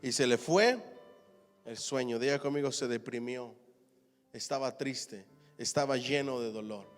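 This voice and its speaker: A man preaching a sermon as a pastor teaching a Bible class, reading scripture, swelling to loud emphatic declarations and calling the congregation to repeat phrases after him. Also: a little slow, faint music behind. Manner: builds to loud emphatic declarations, then drops low. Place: church. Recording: long church hall reverb.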